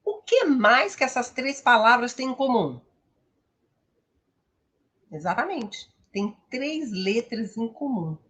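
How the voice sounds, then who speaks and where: A woman's voice: a little high, very animated, slow pace, long pauses, a bit bright. A Brazilian woman English teacher giving a live-streamed pronunciation lesson, explaining patiently and often checking in with her viewers. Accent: Brazilian Portuguese.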